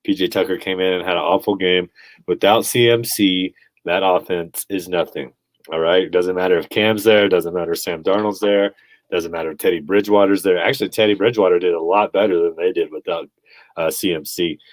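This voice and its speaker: A man's voice: low voice, fairly even intonation, a little fast, dry recording, poor audio. A male podcast host giving blunt, opinionated sports commentary in a casual chat style, laughing at his own takes.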